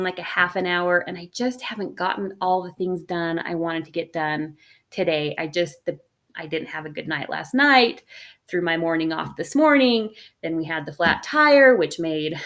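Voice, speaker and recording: A woman in her forties talks straight to her viewers in a relaxed, reflective monologue. Her pitch sits in the middle range for a woman. She rambles a little with fillers and keeps acting out her own frustrated inner thoughts. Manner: chatty storytelling, often voicing her own thoughts aloud; rambling with fillers and tag questions. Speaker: fitness vlogger.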